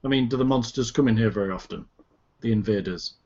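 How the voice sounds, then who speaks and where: A man's voice: lowish voice, fast, mellow. A man talking casually in character as a player in a tabletop role-playing game. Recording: dull lo-fi audio.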